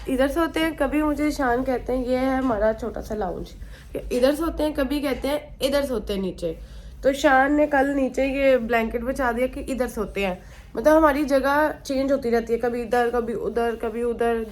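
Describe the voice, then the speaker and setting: A young woman chats to her viewers in a loose, rambling vlog style, her voice sitting a little higher than most. She is unwell with a slight fever, so the talk is relaxed and meandering, drifting between topics as she speaks from her bedroom. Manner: chatty, rambling, mixes in English phrases. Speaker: vlogger. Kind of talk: casual vlog chat.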